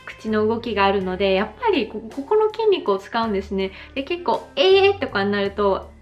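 A Japanese woman in her thirties giving a slow, careful pronunciation lesson, exaggerating her mouth shapes when she demonstrates sounds. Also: fairly high pitch, very animated, dull audio, soft background music. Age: 30s. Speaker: English pronunciation teacher. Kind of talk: slow explanatory vlog lesson.

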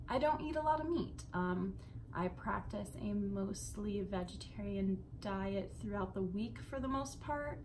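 The audio is poor, with a little hiss or hum, as a young adult woman chats to camera in her bedroom in a medium-pitched voice. She's a vlogger who rambles informally, swearing and wandering into asides.

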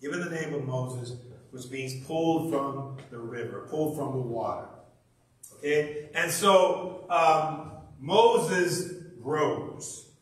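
A man delivers a sermon in a church, retelling a story in a folksy, animated way, stumbling and restarting as he goes. His voice sits a little high. The mic is well away from him, and the sanctuary rings with heavy echo. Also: slow. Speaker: minister. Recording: very echoey hall, distant mic.

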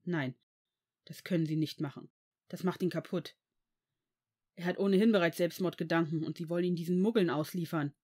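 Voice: mid-range voice, fairly quick, natural voice. A reader voicing an angry, protective male potions master in a fan fiction audiobook, cutting and indignant. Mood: furious. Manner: cutting, indignant, shouting at times.

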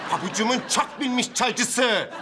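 An actor playing a pompous, short-fused middle-aged office manager with a regional accent who shouts insults, in a TV sitcom. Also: male voice, very high-pitched, lively intonation, measured pace, a crowd in the background. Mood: irate. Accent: regional Turkish accent. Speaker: sitcom character. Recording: TV sitcom audio with laugh track and noise. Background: studio audience laughter.

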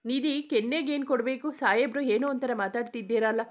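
A woman's voice: a little high, fast, lightly acted. Shy sweet young woman, read by a woman. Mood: playful.

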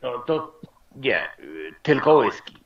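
A man's voice: medium pitch, takes it slowly, dull audio, a crowd in the background. A man hosting a casual livestream, mocking and taunting with frequent swearing and laughter. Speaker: livestream host.

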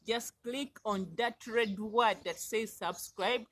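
A woman's voice: fairly high pitch, steady tone, slow. A young Ugandan woman with a Ugandan accent chatting casually to her camera in a garden, friendly and repetitive, with words drawn out. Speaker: vlogger. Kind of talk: casual vlog talk to camera. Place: outdoors in a garden.

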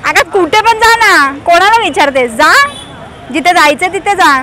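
Booming marathi-accented woman teasing people on a busy street, really high voice, crowd chatter and traffic behind. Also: expressive, normal speed. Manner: loud, booming, teasing and provoking. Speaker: prankster. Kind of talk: street prank.

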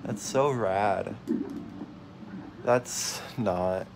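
Slow-talking man reacting to gameplay. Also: lowish voice, background noise. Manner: excitable, yelps and laughs at mishaps. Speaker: let's play host. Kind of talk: casual gameplay commentary.

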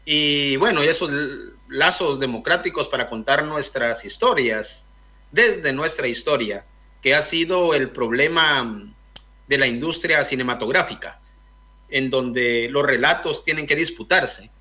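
A young man from Guatemala, a filmmaker guest in a radio interview, speaking thoughtfully with many pauses and fillers over a video call. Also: medium pitch, sharp tone. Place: indoor room, video call.

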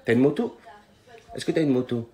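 Man playing a smug pillion-riding girlfriend, low sneering taunts, mocking mutter. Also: expressive, a little fast, warm tone, close to an everyday voice. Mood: taunting.

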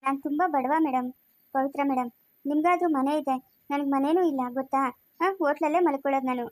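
A woman playing a poor, gentle young male hotel worker who talks in a soothing, coaxing way in a family skit. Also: high voice, quick pace, close to an everyday voice. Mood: earnest. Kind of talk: amateur family skit acting.

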